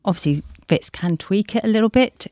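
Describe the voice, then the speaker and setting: A woman's voice: medium pitch, fairly quick, warm tone, no echo, clean studio sound. A woman explaining matter-of-factly as a guest in a casual panel chat.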